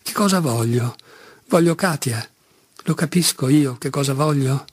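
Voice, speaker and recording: An impulsive young condemned man torn by shame and longing, as a male reader voices him. The voice is husky and close, recorded dry with no room around it. He pleads and blames himself by turns. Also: mid-range voice, a little slow, dry recording. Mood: anguished. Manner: impulsive, pleading, self-reproaching. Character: condemned young Russian man, passionate, self-loathing.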